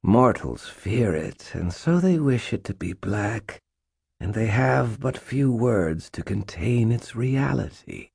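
A man's voice: on the low side, lively intonation, slow pace, creaky, a little mellow, husky, no echo, studio quality, voice pushed up, exaggerated voice. A man voicing a hissing, imperious faerie queen. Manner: hissing, purring, regal and possessive. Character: cold imperious faerie queen, ageless, menacing. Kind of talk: audiobook narration.

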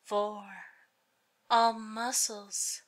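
A woman whispering a guided hypnosis session in slow, soothing, drawn-out phrases. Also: a little high, level tone.

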